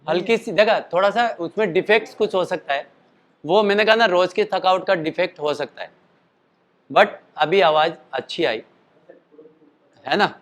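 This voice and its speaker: During a casual voice lesson, a singing teacher with a slightly high, fairly bright voice explains things chattily and at rambling length. He speaks at a moderate pace, pausing often, and breaks off to demonstrate calls and sung notes. A show the night before has tired his throat.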